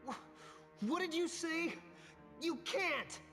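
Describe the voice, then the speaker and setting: An actress playing an outraged, defiant hero in a video game, with a forceful, indignant, declamatory delivery. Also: female voice, extremely high pitch, expressive, slow, heavily acted. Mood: shocked. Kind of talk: dramatic video game voice acting. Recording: long reverb, game music behind.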